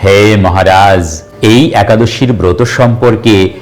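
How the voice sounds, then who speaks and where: A man's voice: lowish voice, takes it slowly. A man voicing a gracious divine teacher who begins a sacred tale.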